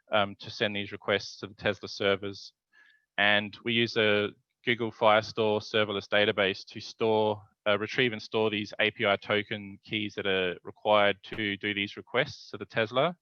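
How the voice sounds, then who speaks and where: A man presenting his hackathon team's project over a video call, relaxed and dotted with filler words. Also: fairly low pitch, no room sound. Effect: voice heard over a video call. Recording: dull video call audio.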